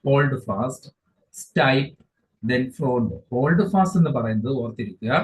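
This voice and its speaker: A man teaching an exam-focused biology lesson, explaining each English term again in his own words and often pausing mid-phrase. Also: medium pitch, animated. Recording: dull lo-fi sound with faint hiss.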